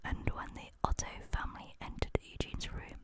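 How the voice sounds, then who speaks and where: A young woman narrates a spooky tale as ASMR. Her voice stays in a hushed, breathy whisper, spoken closely into a studio microphone. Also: normal speed. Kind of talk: whispered ASMR reading of a creepy story.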